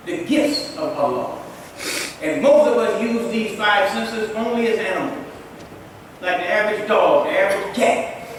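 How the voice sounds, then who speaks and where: High-voiced imam in an echoing hall. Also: male voice. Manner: emphatic, addresses the congregation directly. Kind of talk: Friday sermon. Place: mosque prayer hall. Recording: echoey far-off hall recording, faint noise.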